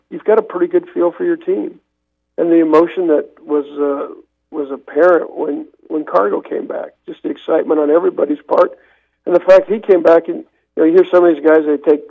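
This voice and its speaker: An older man calls in to a radio show and talks in a loose, rambling way, restarting his sentences again and again. His voice is gravelly and sits a little high. It comes through a thin, tinny phone line. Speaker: veteran newspaper man as radio guest. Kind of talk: casual radio call-in chat. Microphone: telephone.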